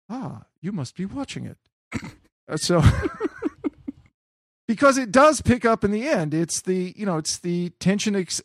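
Podcast guy rambling and cursing, gravelly voice, kinda high, restarts a lot. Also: no echo, clean studio sound. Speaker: podcast co-host. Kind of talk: casual chat.

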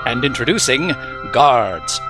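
A man's voice: mid-range voice, big pitch swings, slow pace. A man playing a polished announcer reading old-time radio credits and a sponsor plug. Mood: showy. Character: polished male mystery-show announcer. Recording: music behind the voice.

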